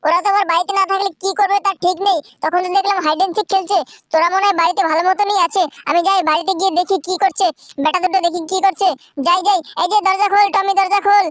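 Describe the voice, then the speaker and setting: A man's voice: very high-pitched, fairly even intonation, a bit bright, dry recording, studio quality. A man voicing a grown-up uncle character who scolds the children. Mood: bustling. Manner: quick, scolding.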